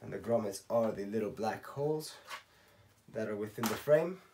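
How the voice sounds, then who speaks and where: A man in his thirties, slightly hoarse from losing his voice, calmly talking through a how-to tutorial step by step and counting aloud. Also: on the low side, normal speed, background noise. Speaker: racket stringing instructor. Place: home workshop at night. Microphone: camera on a tripod.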